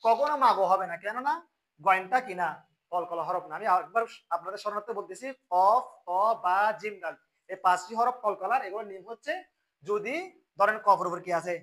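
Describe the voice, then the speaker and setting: A man teaching correct Quran recitation. He goes letter by letter, asks questions and answers them himself, and recites examples slowly. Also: sits high, bright, forceful tone, rough recording. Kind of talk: tajweed lesson with recited examples.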